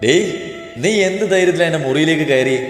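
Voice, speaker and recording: A man voicing a short-tempered young husband in a storybook reading, gruffly ordering his wife around. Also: fairly high pitch, fast, natural voice. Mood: angry. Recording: echoey room with long reverb, faint music.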